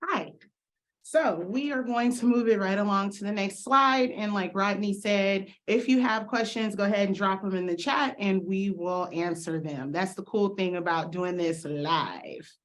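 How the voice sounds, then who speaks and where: A woman co-presenting a live webinar, friendly and brisk as she moves to the next slide. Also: medium pitch.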